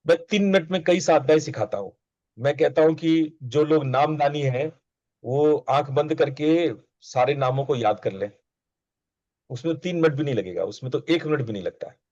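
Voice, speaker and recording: A man's voice: on the high side, darkish tone, dry recording, highs cut off. A man speaking as a spiritual teacher, giving a conversational, coaxing discourse and repeating phrases for emphasis.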